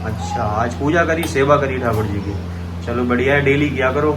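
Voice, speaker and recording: A man's voice: medium pitch, moderate pace. A man films a casual family vlog and keeps up a running, teasing banter with little children. His voice sits in a medium register and comes through a noisy recording with traffic and outdoor sounds behind it. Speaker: vlogger.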